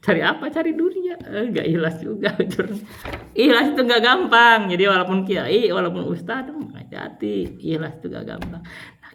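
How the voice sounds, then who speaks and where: A man from West Java with a Sundanese accent, teaching religion in a casual, rambling way, jumping from high exclaims to low mutters. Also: fairly bright tone. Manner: rambling, repetitive, pitch swings between high outbursts and low mutters. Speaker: Islamic teacher.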